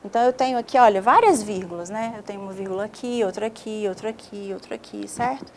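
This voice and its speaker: A woman's voice: medium pitch, quick pace, a little hiss or hum. A woman, a teacher explaining a video lesson step by step and checking in often with her students. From Brazil.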